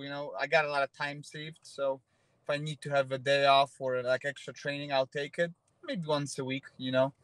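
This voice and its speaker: Sitting in a parked car, a fighter from Poland in his thirties, a native Polish speaker, gives a casual video-call interview, relaxed and full of fillers and restarts. His voice is on the high side. He holds the phone at arm's length, producing a dry, rough recording.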